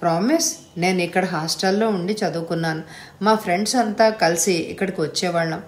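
A woman's voice: on the low side, fairly quick, lightly acted. A woman reading as a polite, flustered young man. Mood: earnest. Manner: polite, hesitant. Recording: echoey room.

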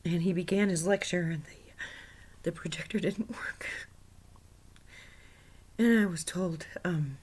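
A woman with a low voice tells of a meditation experience without a script. She stumbles, restarts and often drops to a soft whisper, with easy laughs breaking in. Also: measured pace, pauses often, slightly rough. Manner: laughs often, excitable in places. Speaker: spiritual author recounting a meditation. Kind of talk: unscripted personal recounting.

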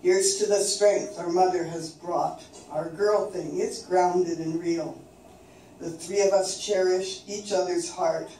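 Picked up from afar by a camera in a very reverberant room, an older woman from Canada's British Columbia coast gives a slow, careful reading of her own poems. The setting is a small, dim indoor performance venue during an open mic. Her voice is lowish and mellow, with faint background noise.

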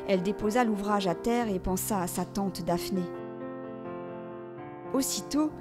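A woman with a medium-pitched voice reads a children's storybook aloud. Her delivery is gentle, measured, and expressive.

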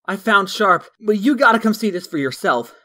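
A youthful, animated male voice, recorded dry and close, acted by a man. He plays an eager, boyish sidekick in a burglary crew for a comic dub. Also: high-pitched, moderate pace, no room sound.

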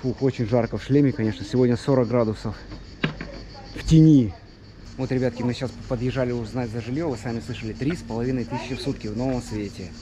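A man's voice: mid-range voice, steady tone, quick pace. A man in his thirties casually narrating a travel vlog outdoors in a chatty way, pointing things out to viewers on a handheld action camera. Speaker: travel vlogger. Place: outdoors on streets and roadsides. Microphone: handheld action camera at arm's length. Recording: clear outdoor traffic and ambient noise.

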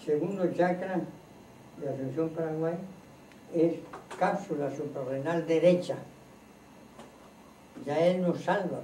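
A man giving an informal spiritual teaching to a gathered group, slow and earnest, repeating and listing points like a preacher. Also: fairly high pitch, dark tone, slight background noise. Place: room in a private home. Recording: roomy, distant home recording.

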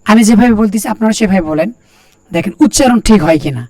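Guy teaching quran letters, high voice, repeats each sound over and over, dry close mic. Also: expressive, a little mellow, no room sound. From Bangladesh. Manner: repeats each letter sound several times, slow and deliberate; talks directly to learners, plain and encouraging. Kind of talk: recorded lesson on Arabic letter pronunciation.

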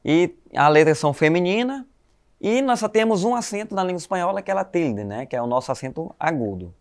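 A man's voice: high-pitched, lively intonation. A man with a Brazilian Portuguese accent teaching a Spanish class to schoolchildren, explaining patiently and tagging sentences with "né?" and "tá?". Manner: explanatory, frequent "né?" and "tá?" tags; calls students "galerinha", spells letters slowly. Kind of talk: recorded online class for schoolchildren.

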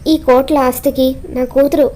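A woman's voice: sits high, fairly even intonation, normal speed, mellow, close to an everyday voice. A woman reading a scheming aunt, coaxing. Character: scheming woman plotting against a rival.

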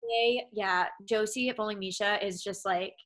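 Speaking at a moderate pace in a steady, medium-pitched and slightly bright voice, this young Boston-accented woman from Massachusetts is an actress being interviewed from home. Her talk is loose and meandering, packed with "like" and "um".

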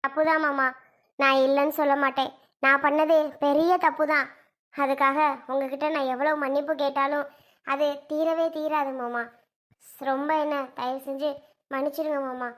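A woman's voice: very high-pitched, flat delivery, a little fast, fairly bright tone. A woman playing a young daughter-in-law who apologizes and begs forgiveness. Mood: pleading. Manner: apologetic, pleading.

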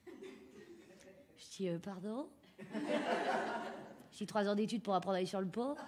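A woman's voice: mid-range voice, normal speed, heavy background noise, lightly acted. A woman comedian playing a crude, boastful working-class mother who rambles with lots of fillers and swearing. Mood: brash. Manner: vulgar, rambling, full of fillers. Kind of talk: stand-up character monologue.

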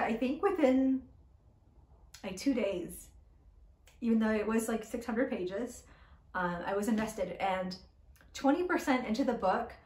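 A woman giving a casual, blunt and opinionated monthly book review, swearing freely as she talks. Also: medium pitch. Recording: roomy echoey room.

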